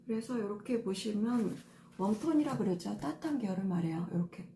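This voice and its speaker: A woman's voice: mid-range voice, lively intonation, a little fast, dark tone, a little hiss or hum. A middle-aged woman stylist giving a casual lesson on color coordination, patient and step by step with many fillers. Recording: echoey room with faint ambience.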